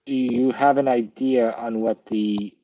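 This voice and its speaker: A man's voice: mid-range voice, steady tone, unhurried, no echo, muffled recording. A man asking questions as a committee member at a town meeting, polite and to the point.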